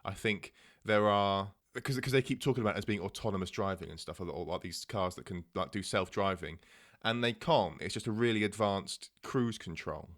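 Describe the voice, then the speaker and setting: Low-voiced man in halting tech chat. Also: a bit bright. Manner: halting, many restarts and fillers. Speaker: podcast co-host. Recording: podcast mic.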